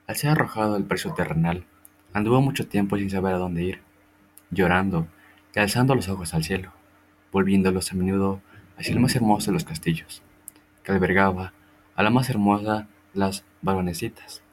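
A man reading a classic story aloud in a steady, measured narration. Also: sits low, a little hiss or hum.

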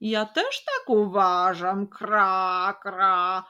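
Two wise old crow grannies gossiping and cawing between every few words, as a storyteller puts them on. The voice is loud, slow and bright in tone. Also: female voice, mid-range voice, sing-song, clean tone, dull audio, full character voice. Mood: gossipy.

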